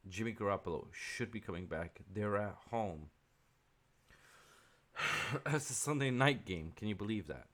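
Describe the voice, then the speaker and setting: A man hosting his own sports picks video, giving casual, opinionated commentary with plenty of ums and quick asides. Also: on the low side, expressive, fairly bright tone.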